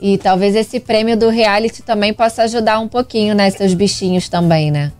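Woman interviewer, mid-pitched voice. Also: brisk, a little mellow, faint music behind. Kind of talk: casual chat.

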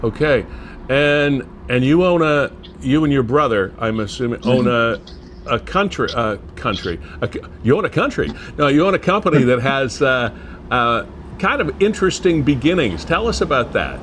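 A man hosting an interview show, talking in a loose, chatty way with frequent pauses. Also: medium pitch, lively intonation, fairly bright tone, a little hiss or hum. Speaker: show host. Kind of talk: casual interview chat.

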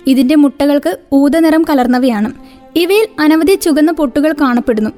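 Woman narrator, high voice, steady scripted read over soft music. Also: normal speed. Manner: even, informative reading pace. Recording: faint background music.

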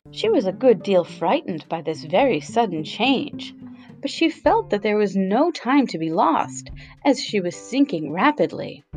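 A woman narrating a children's story aloud in an expressive, storytelling way. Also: medium pitch, low-quality recording.

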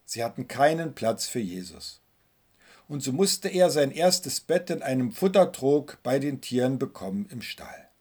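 A male pastor with a husky voice telling a gentle Christmas story in his sermon. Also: mid-range voice. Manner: gentle, storytelling, addresses listeners directly.

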